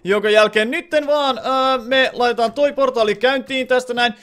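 A young Finnish man talking through a game session out loud, thinking aloud with lots of filler sounds. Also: extremely high pitch. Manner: bursts into loud excited shouting. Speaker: gaming channel host. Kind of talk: Let's Play commentary.

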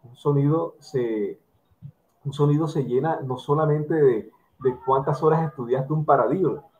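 A man's voice: fairly high pitch, normal speed, a little mellow. A middle-aged man from Barranquilla, Colombia, hosting a drum interview over a video call, explaining to viewers and using examples. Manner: explanatory, addresses viewers directly, lectures with examples. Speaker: host of an online drum interview. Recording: tinny phone-like video call audio.

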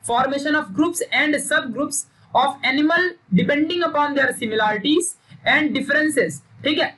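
Young male tutor, forceful and sharp-toned, drilling and scolding through a recorded lesson. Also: very high-pitched. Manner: emphatic, drills and repeats points; stern, scolding pep talk. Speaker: teacher. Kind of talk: recorded online science lesson.

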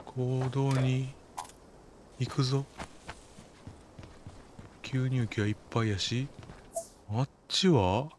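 A man's voice: mid-range voice, steady tone, slow, pauses often, background noise. Kansai man muttering game commentary. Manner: mumbling running commentary, scolding the game character. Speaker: game streamer. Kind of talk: casual let's-play commentary.

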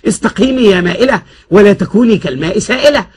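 A man's voice: high-pitched, expressive, rapid-fire, darkish tone. A man reciting comic rhymed classical prose in a rhythmic, declaiming manner.

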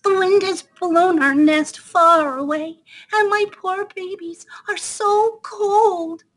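A woman voicing a fretful mother field mouse in a children's storybook, with a squeaky voice. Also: steady tone, slow, fairly bright tone, heavily acted. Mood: distressed.

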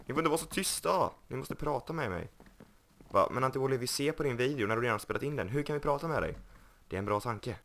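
A man's voice: medium pitch, expressive, creaky, fairly bright tone. A young man casually commenting on his game, joking and mocking himself. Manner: joking, self-mocking, puts on silly voices. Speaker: gaming YouTuber. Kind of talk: casual Let's Play commentary.

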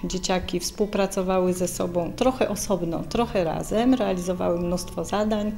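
A middle-aged woman giving an unscripted interview statement, pausing as she looks for words. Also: on the low side, fairly even intonation, gravelly, warm tone, a little hiss or hum. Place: indoor office.

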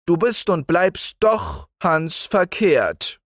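A man's voice: high voice, sing-song, very slow, fairly bright tone, no room sound, clean studio sound, pitched above the performer's own voice, heavily acted. A man voicing an exasperated mother scolding her foolish son in a storybook tale.

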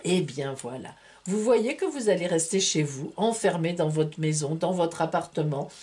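A woman's voice: low-pitched, animated, moderate pace, a little mellow. A woman, chatty and playful, reading a monthly horoscope from tarot cards. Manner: chatty, playful, full of fillers like hein and voilà. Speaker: tarot reader and astrologer. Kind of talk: casual horoscope reading to camera.

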